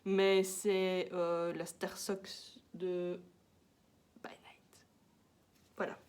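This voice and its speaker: A woman's voice: fairly low pitch, level tone, extremely slow, a little mellow. A woman from Belgium with a Belgian French accent, chatting casually in a knitting vlog, full of fillers and restarts, recorded on a laptop at home. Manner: chatty and self-deprecating, with many fillers and restarts, laughing often. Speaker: knitting vlogger. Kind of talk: casual chat. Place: at home, working on a work laptop. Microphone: laptop microphone.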